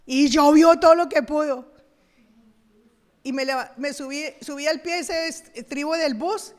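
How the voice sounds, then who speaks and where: A middle-aged Colombian woman delivering a sermon from the pulpit, her voice pitched high. She is animated, acting out everyday dialogues and laughing at herself. The recording carries a long reverb from the church hall. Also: normal speed. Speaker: pastor.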